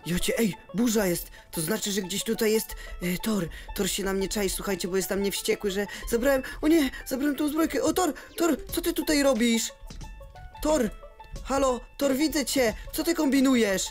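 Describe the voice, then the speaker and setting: A man giving excited Minecraft role-play commentary, speaking in an exclamatory way and talking straight to the viewers. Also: very high voice, moderate pace. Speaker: game role-play youtuber. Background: faint background music.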